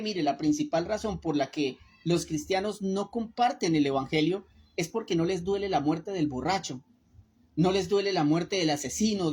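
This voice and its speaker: A woman leads a Bible study as a sermon, earnest and direct, calling her listeners brothers and asking them questions. Her voice sits low, with a husky, breathy edge. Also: a little mellow. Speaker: Bible teacher.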